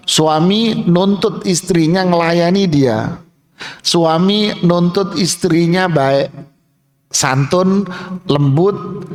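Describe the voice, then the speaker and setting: Lively male preacher, rather high voice. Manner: lively, colloquial, acts out examples. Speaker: Islamic preacher. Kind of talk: mosque sermon. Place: mosque.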